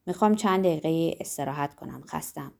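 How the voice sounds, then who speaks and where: A woman's voice: sits low, creaky, a little mellow, voice pushed down. A woman reading an audiobook, voicing a troubled, brooding young man who is grim and weary. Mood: somber. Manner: grim, weary, bursts into anger.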